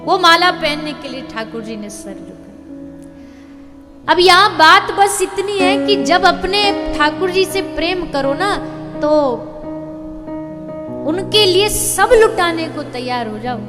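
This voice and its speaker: A woman telling a devotional story as a sermon, acting out the characters' lines with lively expression. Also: extremely high pitch, slow pace, long reverb tail, music in the background. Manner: lively, acts out dialogue in the story. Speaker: spiritual storyteller.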